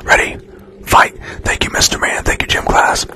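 A man whispering through a chaotic ASMR livestream, chatting and thanking viewers for gifts. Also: brisk. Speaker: livestream host.

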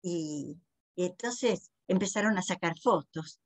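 A woman with a Rioplatense Argentine accent telling a story aloud, very expressive, with big swings in pitch for emphasis. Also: takes it slowly. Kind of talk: oral storytelling.

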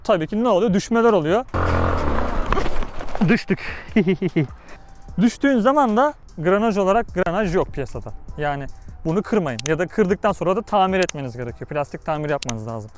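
A man with a notably high voice speaks from inside a helmet as he rides. He explains things informally, slipping into slang and asking his own questions, with faint music behind him. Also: lively intonation, moderate pace. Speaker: motorcycle vlogger reviewing his bike. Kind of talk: casual motovlog commentary while riding. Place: outdoors on a motorcycle in city traffic, speaking inside a helmet.

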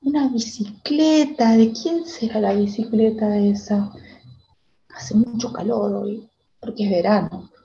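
Woman playing a timid young girl, gravelly and hesitant. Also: a little high, warm tone, muffled recording, a little hiss or hum. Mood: wistful. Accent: Argentine Spanish. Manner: hesitant, halting, many restarts. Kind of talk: theater monologue, reliving a memory.

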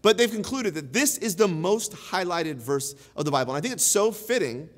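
A man's voice: sits high, expressive, normal speed, long reverb tail. A man in his thirties preaching a sermon, telling stories in a loose, conversational way full of fillers. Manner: conversational storytelling, many "like" fillers. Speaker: pastor. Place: large church auditorium.

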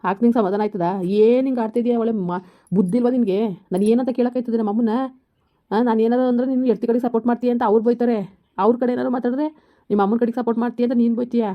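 A woman plays a harried husband stuck between his wife and his mother in a village comedy skit, scolding in an exasperated way. Her voice is a little high and close to everyday speech, with fairly even intonation and rapid-fire delivery. The lo-fi recording sounds slightly dull.

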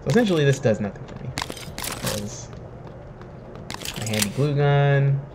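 A young man streams a video game from a room at home, webcam in the corner, chatting and joking, laughing at himself, and reading in-game text aloud for his let's-play. His mid-range voice is slightly hoarse yet animated at a moderate pace, and he says he's sick and losing his voice. The background is noisy.

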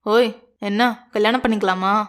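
A woman's voice: a little high, fairly quick, a bit bright, close to an everyday voice. A woman voicing a confident, playful young man who teases his bride-to-be with open affection. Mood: teasing. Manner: teasing, affectionate, self-assured.

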